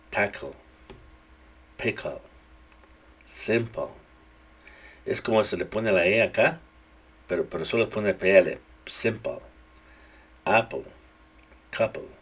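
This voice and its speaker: Slow, husky-voiced male English teacher. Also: lowish voice. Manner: relaxed, repeats example words slowly. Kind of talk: casual spoken English lesson.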